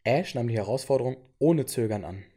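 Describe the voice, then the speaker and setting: A man's voice: medium pitch, animated, fairly quick, mellow, husky. A man reading a game storybook chapter aloud as the narrator.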